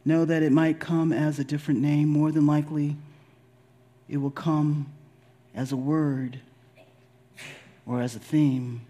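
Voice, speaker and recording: Guy doing guided meditation, really slow and soft-edged, lots of pauses, soothing and affirming. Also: a little high, level tone. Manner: affirming, gently instructive. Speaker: spiritual leader guiding a meditation.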